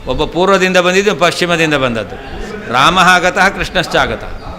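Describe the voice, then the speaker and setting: A man's voice: fairly high pitch, lively intonation, normal speed, sharp tone. An older man, a scholar teaching a scripture class, explaining patiently and repeating key terms. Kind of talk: traditional scripture lesson. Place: temple hall. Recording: long hall reverb, faint ambient noise.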